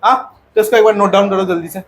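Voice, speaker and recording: A man's voice: high voice, steady tone, fast, a little hiss or hum. A male teacher lecturing a classroom of pupils, often asking questions and repeating the answers.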